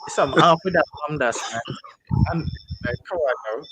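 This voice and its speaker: A man's voice: on the high side, moderate pace, crowd noise. A man in a casual football podcast, teasing and pushing back at his co-hosts. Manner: teasing, lively, laughs a lot. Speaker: podcast co-host, United fan.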